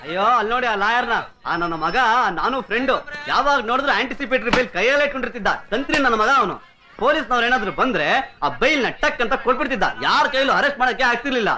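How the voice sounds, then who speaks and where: A man's voice: extremely high pitch, lively intonation, fast. A chatty gossiping man. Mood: gossipy. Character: gossipy man recounting neighborhood scandal. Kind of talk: film dialogue.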